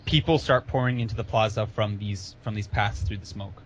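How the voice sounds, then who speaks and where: A man running a tabletop game as game master, halting and restarting as he explains what happens. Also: lowish voice, slight background noise.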